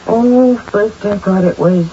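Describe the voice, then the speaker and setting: An actress with a mellow, mid-range voice plays a lonely, guilt-ridden, sleepless middle-aged mother in a fretful, theatrical 1970s radio drama style. Lightly acted and measured, she sounds weary and insistent. The vintage radio recording is dull and faintly noisy.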